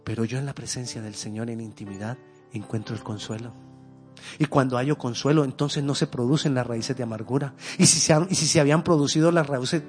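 A man preaching with a fairly high voice, his delivery swinging between loud, fervent peaks and quiet, intimate murmurs. At times he relaxes into homely storytelling. A soft music bed plays under his words. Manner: tells a homely story in a conversational way. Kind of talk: sermon.

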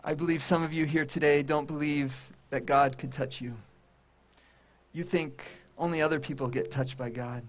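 A man preaching a sermon to a congregation, with emphatic, repetitive phrasing and dramatic pauses. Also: on the high side, steady tone. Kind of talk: sermon to a congregation and online audience.

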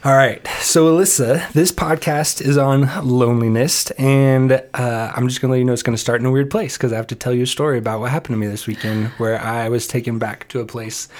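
A man's voice: mid-range voice, fairly even intonation, brisk, hardly any pauses, a little mellow. A man in his thirties co-hosting a faith podcast, telling self-deprecating stories in a casual, joking chat. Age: 30s. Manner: self-deprecating, jokey storyteller. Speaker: podcast co-host.

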